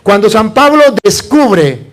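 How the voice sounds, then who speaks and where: High-voiced man preaching with rhetorical questions. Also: takes it slowly, slight background noise. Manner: lively preaching with rhetorical questions and call-and-response; humorous, plays out little dialogues. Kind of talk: sermon.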